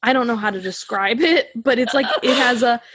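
A woman's voice: fairly high pitch, brisk, fairly bright tone, breathy edge, dry recording, studio quality. A woman hosting a casual podcast, chatting and laughing her way through a book rundown with lots of fillers. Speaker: podcast host presenting a book.

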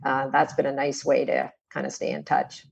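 A woman, a pediatric doctor guest, chatting in a relaxed way in a podcast interview. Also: very deep voice, normal speed, creaky, husky, muffled recording.

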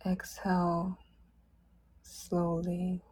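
A woman leading a guided loving-kindness meditation in a soft, gentle, drawn-out way. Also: lowish voice, completely flat delivery, slightly rough, low-quality recording.

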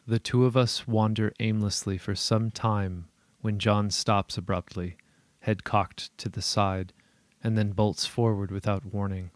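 A man reads a first-person horror story in a steady, measured way. His voice sits low. The recording is dry and close, with no room around it. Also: no echo. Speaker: narrator.

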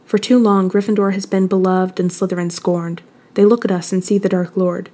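A woman reading the part of a cold, sly male schoolmaster who speaks with soft, purring menace. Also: mid-range voice, little pitch movement, brisk, lightly acted. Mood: scheming. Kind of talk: fan fiction audiobook reading.

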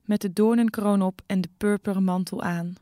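A woman narrating a dramatized scripture reading in a measured, clear way. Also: mid-range voice, steady tone, warm tone, dry recording, clean studio sound. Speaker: scripture reader.

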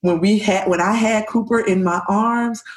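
An animated woman recounts her fertility journey, her voice sitting at a middle pitch for a woman. She gushes, tumbles through her sentences and acts out what other people said. The telling is personal and openly emotional. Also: moderate pace. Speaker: fertility patient guest.

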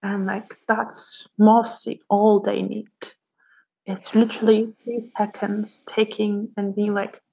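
A woman's voice: mid-range voice, flat delivery, takes it slowly, vocal fry, slightly rough, poor audio. A woman speaking as a podcast guest, telling her own experience in a candid, reflective chat with easy laughs. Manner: warm, candid, laughs easily.

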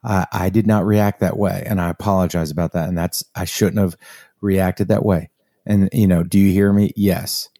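Deep mellow-voiced man, reflective. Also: fairly even intonation, dry recording, studio quality. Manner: reflective, halting, with restarts. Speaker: podcast co-host. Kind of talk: casual chat.

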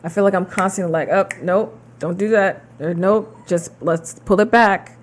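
Low-voiced woman, reflective podcast chat. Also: normal speed, slight background noise. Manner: reflective and encouraging, affirming with mm-hmms. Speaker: podcast co-host. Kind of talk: casual chat.

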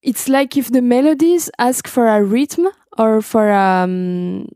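A woman's voice: fairly high pitch, slow, dark tone, no echo, studio quality. A young woman from Brazil, speaking as a guest on a video call from home and stopping often to search for words. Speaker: guest musician. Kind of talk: interview conversation. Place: home, indoors.

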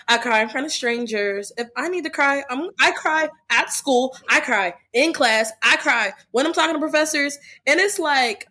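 Young woman podcast host, somewhat high voice, earnest, rambling casual delivery. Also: sharp tone. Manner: earnest, lots of "like" fillers. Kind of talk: casual chat.

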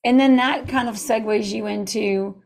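A podcast host interviews a guest over a video call, asking chatty, enthusiastic questions in a casual style. Her voice sits on the high side with a darkish tone and vocal fry, fairly even intonation, and a moderate pace.

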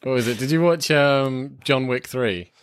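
A man's voice: mid-range voice, a little slow, smooth, no room sound, clean studio sound. A man co-hosting a casual film review chat, laid-back and hesitant, with many fillers. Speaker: film review podcast co-host.

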